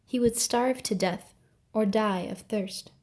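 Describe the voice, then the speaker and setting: A woman reads an ancient myth as a storyteller. Her pace is very unhurried and her telling is grave and dramatic, with a mid-range pitch. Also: darkish tone. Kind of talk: scripted narration of an ancient myth.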